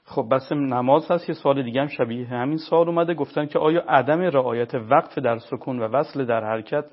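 A man's voice: mid-range voice, dull audio. A man hosting a religious question show, politely passing on listeners' questions and pressing with follow-ups. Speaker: host.

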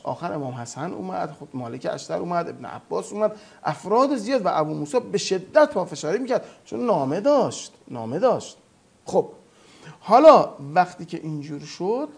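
Animated, high-voiced male history speaker. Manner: emphatic, retells history with quoted dialogue. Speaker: religious history guest speaker. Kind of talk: animated lecture-style storytelling.

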